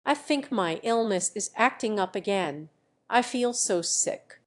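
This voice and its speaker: A woman's voice: medium pitch, expressive, unhurried, lightly acted. A woman voicing a scheming young male student who wheedles and pleads to get his way. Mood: wheedling.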